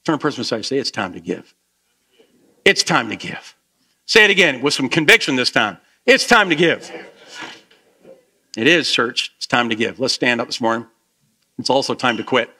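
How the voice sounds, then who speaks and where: A male pastor giving a lively sermon to his church, then leading a soft closing prayer. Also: medium pitch, fast. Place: church sanctuary.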